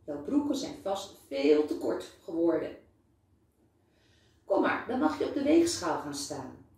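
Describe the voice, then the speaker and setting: A kind, joking male doctor from a children's storybook, teasing a little patient, as a woman reads him aloud. The delivery is slow and the tone mellow. It sounds distant from the mic, in a strongly echoing room. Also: low-pitched, sing-song, full character voice. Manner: playful, teasing. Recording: very echoey room, voice far from mic.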